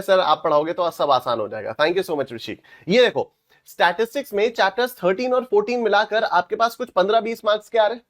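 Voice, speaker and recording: A young man teaching a live online class, energetic and playful, teasing students and mixing in English phrases. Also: high-pitched. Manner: mixes Hindi and English.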